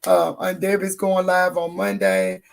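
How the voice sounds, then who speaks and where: Hoarse gravelly woman hosting a livestream. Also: on the low side, sing-song, unhurried. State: hoarse, losing her voice. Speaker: livestream host. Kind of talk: casual livestream chat.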